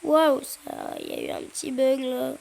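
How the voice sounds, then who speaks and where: A woman chatting through her gameplay, with lots of hesitant fillers and sudden excited yelps. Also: high-pitched, normal speed, creaky, poor audio. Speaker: gaming YouTuber. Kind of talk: casual gameplay commentary.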